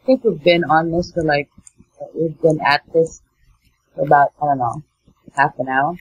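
Blunt middle-aged woman, lower voice. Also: fairly even intonation, normal speed, low-quality recording. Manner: puzzled, blunt, mildly grumpy. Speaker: mother learning to play. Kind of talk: casual gameplay chat. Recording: faint background noise.

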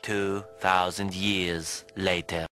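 A man's voice: low-pitched, little pitch movement, pushed and bright, faint music behind, heavily acted. A man as a grave time-skip narrator. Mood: solemn. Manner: slow, grave announcing. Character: solemn documentary-style time-skip narrator.

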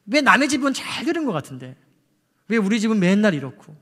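A man's voice: sits high, quick pace, breathy edge, in a large hall. A male pastor preaching a sermon in church, telling a story and acting out the people in it with feeling. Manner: storytelling, acts out quoted voices, lively and emotional. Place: church sanctuary.

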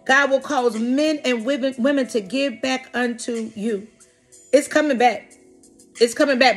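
Woman prophetess, animated preaching, higher voice, soft music under her, repeats herself and shouts hallelujah. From Philadelphia. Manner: repetitive, exclamatory, frequent hallelujahs and laughs. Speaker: prophetess preaching to an online congregation. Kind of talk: lively sermon with call-outs to viewers.

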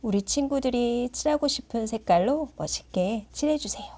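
A woman's voice: a little high, expressive, moderate pace, mellow. A woman narrating a children's craft lesson in a simple, sing-song manner aimed at toddlers, like a Sunday school teacher.

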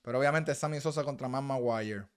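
A man's voice: medium pitch, brisk, clean tone. Boastful, joking young man, casual co-host. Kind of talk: casual banter.

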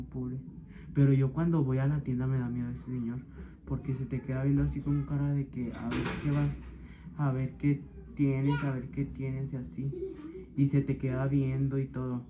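Brief: Mexican man, casual gossipy vlogger, lo-fi phone-like sound. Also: medium pitch. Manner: chatty, gossipy, frequent "ay, no" exclamations. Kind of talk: casual home vlog chat. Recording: tinny lo-fi audio with clear background noise.

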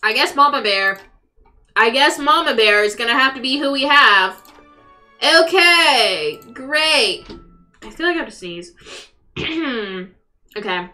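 A young woman casually commentating on a game as a live streamer and chatting with viewers, sweary and excitable. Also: high voice, slow pace, long pauses, soft background music. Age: young adult. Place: small room at home, indoors.

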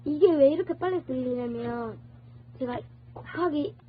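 A woman's voice: high-pitched, normal speed. A woman whose voice is sped up by an app, giving a casual phone tutorial and losing track of her words now and then. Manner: chatty, loses track of words and restarts. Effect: sped-up voice from a video app. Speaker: tutorial host. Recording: dull lo-fi sound with faint noise.

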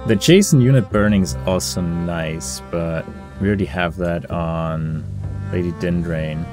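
A gaming video creator with a low voice speaks at a measured pace, giving casual commentary and hesitantly musing over his options aloud while game music plays.

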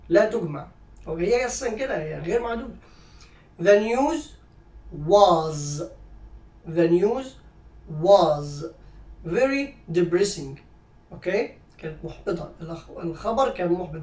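Egyptian man, grammar teacher, slow English examples, roomy echo, a bit off the mic. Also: high voice, a little mellow. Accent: Egyptian Arabic. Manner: explains in Arabic and reads English examples slowly. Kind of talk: grammar lesson in Egyptian Arabic. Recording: echoey room, voice a little far from the mic.

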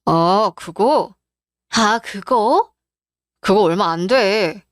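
A woman's voice: mid-range voice, lively intonation, extremely slow, no room sound, clean studio sound. A woman voicing a defensive, stubborn husband who talks in a curt, dismissive way.

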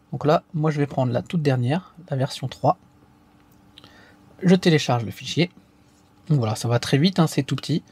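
A man with a rather high voice walks viewers through a gadget setup in a casual tutorial. He talks hesitantly, stopping and restarting with plenty of fillers. The sound is dry and close, with no room echo. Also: a little mellow, slightly rough. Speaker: tech tutorial host.

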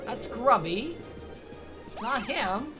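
A woman's voice: fairly high pitch, very animated, slow pace. A woman streaming a video game, thinking aloud and asking herself questions as she plays. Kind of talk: casual gameplay commentary. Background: faint game music.

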